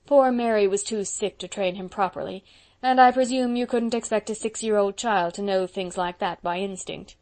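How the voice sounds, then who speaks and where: A practical, firm older woman from a storybook, talking in a low-key, matter-of-fact way, as a woman reader voices her. Her words come quiet and brisk, with little fuss. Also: lightly acted.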